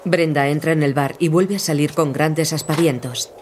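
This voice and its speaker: Audio description narrator, even neutral reading, noisy film soundtrack underneath. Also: medium pitch, moderate pace.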